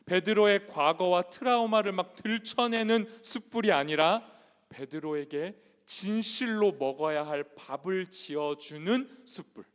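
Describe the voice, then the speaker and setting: A man preaching as a youth pastor in a church, conversational and asking the congregation many questions, with a long hall reverb. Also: on the high side. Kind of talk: sermon. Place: church sanctuary.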